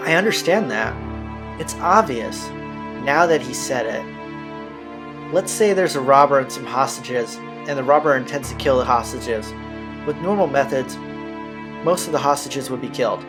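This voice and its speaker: Hosting a playthrough, a man reads visual novel text aloud in a casual, slangy way, tossing in offhand remarks. His voice sits in the mid-range and moves at a normal speed. The game's soundtrack plays behind him.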